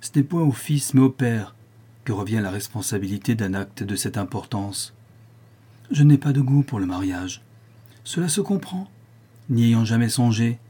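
A man's voice: medium pitch, expressive, moderate pace, warm tone, breathy edge. A man voicing a proud, domineering count of seventy-three who speaks in a solemn, dry and harsh tone. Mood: curt.

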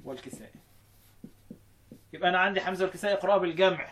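An Egyptian-accented teacher of Quran recitation chants each verse line slowly, then explains it fast while questioning his students. His voice sits high and sounds a bit bright.

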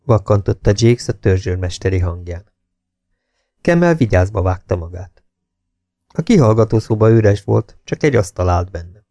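Gravelly male audiobook narrator. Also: lowish voice, lively intonation, dark tone, dry recording. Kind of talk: scripted narration. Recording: dry close studio voice.

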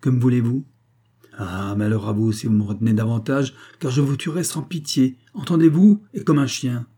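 A man's voice: medium pitch, normal speed, mellow, breathy edge, natural voice. A man voicing a desperate, defiant young male peasant in a read-aloud story, speaking fervently and urgently.

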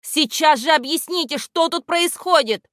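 A woman voicing a strict, scolding male guardian of grammar in a storybook reading, speaking loudly and higher than her own voice. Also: animated, normal speed, dry recording, studio quality. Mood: angry shouting. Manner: loud and scolding.

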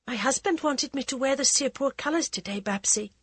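A woman's voice: high-pitched, brisk, breathy edge, no echo, voice pushed up. A woman reading aloud voices a composed, earnest young princess who speaks politely.

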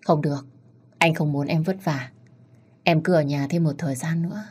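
A woman reading the lines of an anxious, protective young husband in a storybook tale, in a low husky voice. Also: fairly even intonation, normal speed, darkish tone. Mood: tender worried.

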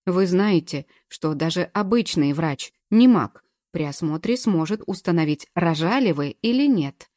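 A woman voicing a calm, firm male investigator who questions suspects in a level, pressing way. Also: fairly low pitch, a little slow, few pauses, dry recording, clean studio sound. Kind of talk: audiobook character reading.

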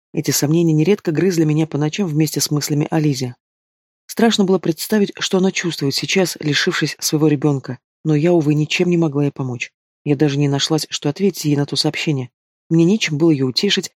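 Fast-reading male audiobook narrator. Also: on the high side, no room sound, studio quality. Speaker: audiobook reader. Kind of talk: scripted first-person narration.

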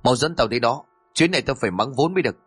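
A man voicing a sharp-tongued middle-aged mother who scolds her son quickly and fiercely, with faint music behind. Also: medium pitch, lively intonation, breathy edge, no echo, voice pushed up. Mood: angry, scolding.

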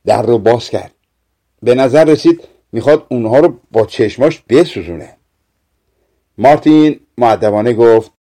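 Dark-voiced male storyteller. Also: medium pitch. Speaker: audiobook narrator. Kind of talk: scripted storytelling narration.

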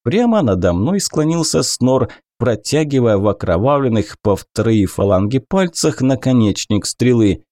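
Expressive male audiobook narrator. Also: medium pitch, normal speed, few pauses, no echo, clean studio sound. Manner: expressive, acts out the hero's panic. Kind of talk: first-person audiobook narration.

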